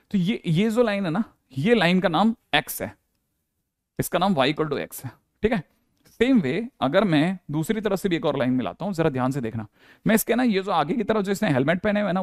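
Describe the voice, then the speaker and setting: A man's voice: on the high side, dry recording, clean studio sound. A male maths teacher giving a casual board lecture, often checking in with the class and acting out the students' questions. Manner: chatty, repeats "ठीक है" often, acts out students' questions.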